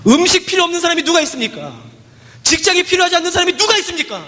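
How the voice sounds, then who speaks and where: A man's voice: very high-pitched, animated, racing, bright, forceful tone, long reverb tail. A man preaching a sermon, telling a story with acted dialogue and dramatic rises and falls.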